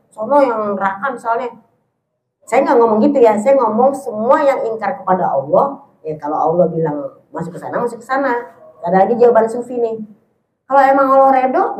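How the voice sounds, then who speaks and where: With a mid-range, slightly mellow voice, the preacher keeps her religious study session informal, chatting warmly and addressing the audience as "sayang." The echoey, dull recording from the mosque hall carries slight background noise.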